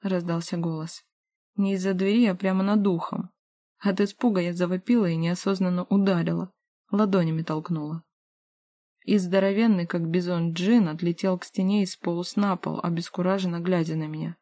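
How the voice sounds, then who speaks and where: A woman reads a first-person novel aloud, lively in the heroine's lines. Her voice sits low and mellow. The recording is close and dry. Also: moderate pace, no room sound. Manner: expressive, voicing the heroine's dialogue. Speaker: audiobook narrator.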